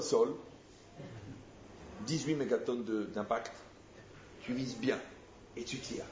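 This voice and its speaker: Animated man teaching in an echoey room. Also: medium pitch, slight background noise. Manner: animated storyteller, acts out dialogues, direct and teasing. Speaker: rabbi giving a talk. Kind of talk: lively spoken teaching. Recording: echoey muffled room recording.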